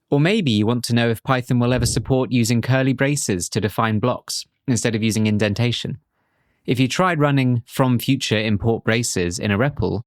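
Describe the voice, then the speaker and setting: A man narrating a scripted programming course as instructor, in a clear, measured way with light humor. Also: medium pitch, no echo, clean studio sound.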